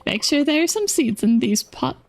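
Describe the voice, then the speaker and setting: A woman reading game dialogue aloud as a gentle old grandmotherly woman who teaches gardening, in a kindly storybook manner. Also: high voice, very animated, normal speed, pitched above the performer's own voice. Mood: warm, earnest.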